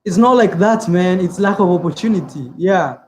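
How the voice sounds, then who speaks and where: Man from Africa, vlogging his views, high voice, earnest, repeats himself, lots of fillers. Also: normal speed. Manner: earnest, repeats phrases, many filler words. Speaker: YouTuber. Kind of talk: casual opinion vlog, reading viewer comments.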